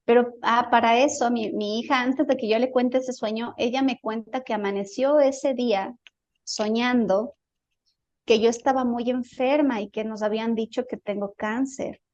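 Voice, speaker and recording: Telling the story of a healing experience in a casual interview, a woman falters and repeats words as she looks for them. She sounds dull, with a fairly high, steady, darkish voice at normal speed.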